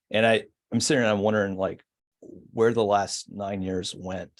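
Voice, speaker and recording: A man's voice: lowish voice, steady tone, a little slow. A man in his forties, a podcast guest, telling his story in a reflective, hesitant way with many fillers. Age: 40s. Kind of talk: casual storytelling.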